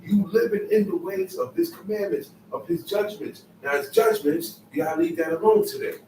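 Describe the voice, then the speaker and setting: A man's voice: high-pitched, normal speed, warm tone, slight background noise. A man giving a Sabbath scripture lesson, emphatic and repetitive, in casual street phrasing. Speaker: Bible teacher. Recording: echoey room, mic far off, faint ambience.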